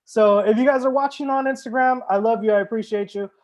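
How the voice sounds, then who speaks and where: A man's voice: very high-pitched, fairly even intonation, quick pace, a little mellow. A man hosting a live-streamed wine tasting as a sommelier, talking casually and upbeat with frequent fillers. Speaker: sommelier and show host.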